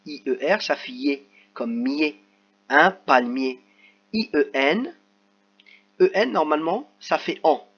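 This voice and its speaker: A man teaching a reading lesson to young children, sounding out letters and stretching words slowly. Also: on the high side, expressive, husky. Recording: slightly dull lo-fi sound.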